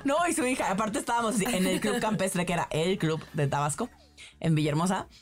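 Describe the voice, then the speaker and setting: A woman's voice: medium pitch, fast talker, faint music behind. A woman with a Mexican accent, a podcast host chatting casually and telling a story with frequent laughter. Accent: Mexican Spanish. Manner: lively storyteller, laughs often. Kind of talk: casual chat.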